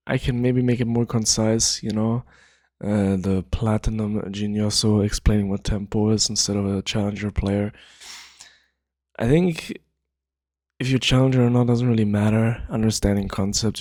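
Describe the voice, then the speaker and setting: A man giving a relaxed, rambling explanation of a game concept, full of fillers and loose asides as he talks. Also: fairly low pitch, no room sound, clean studio sound. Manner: laid-back, rambling, many fillers. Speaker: gaming video creator. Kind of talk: casual explainer monologue.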